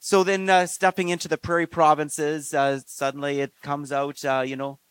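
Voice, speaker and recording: A man preaching a sermon in an earnest, measured way, slowing down on key phrases. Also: on the high side, little pitch movement, a bit bright, clear, resonant tone, dry recording. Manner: earnest, measured delivery with slow emphatic phrases and frequent fillers.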